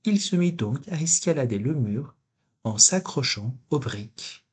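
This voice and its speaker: A man with a husky voice reads a children's picture book aloud. He takes it slow and gentle, with a plain storyteller's delivery. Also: mid-range voice, animated. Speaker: storybook reader.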